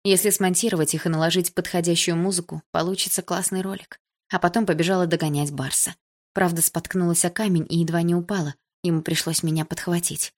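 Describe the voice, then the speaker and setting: A woman narrating a first-person novel with an expressive, emotional reading. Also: lowish voice, fast talker. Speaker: audiobook reader.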